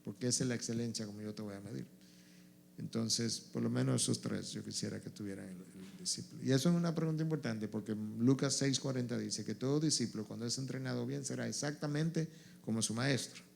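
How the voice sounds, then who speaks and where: A man with a rough, gravelly voice and a mellow, dark tone teaches with emphasis, driving each point home by saying it again. He speaks as a pastor answering a congregation, with a faint hum and noise underneath. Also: mid-range voice, quick pace. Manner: emphatic, repeats points for stress. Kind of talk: church Q&A teaching.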